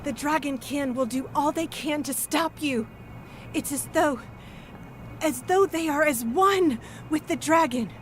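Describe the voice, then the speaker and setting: Freed captive, young woman, anxious and earnest, high voice, light noise. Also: a little slow. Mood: worried.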